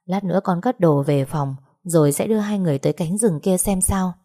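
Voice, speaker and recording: A woman's voice: on the low side, a little fast, mellow, lightly acted. A woman reading a composed young village teacher. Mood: steady.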